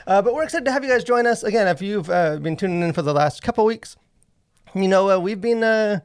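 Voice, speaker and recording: A man co-hosts a casual conversational podcast, wry and jokey with rambling asides. He speaks quickly and animatedly in a high-pitched voice that is clear and resonant.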